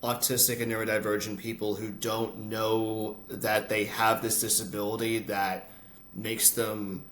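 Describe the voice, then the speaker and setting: An American announcer and voice-over artist, appearing as an interview guest, chats conversationally and tells personal stories. His voice is lowish with a fairly bright tone, and the recording has a roomy echo and noticeable background noise.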